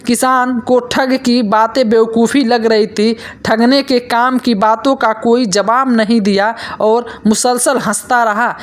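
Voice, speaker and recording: A woman reading a folk tale aloud in a steady, plain storytelling manner. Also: fairly high pitch, measured pace, hardly any pauses. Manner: steady, plain reading with quoted dialogue read in. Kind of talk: scripted story narration.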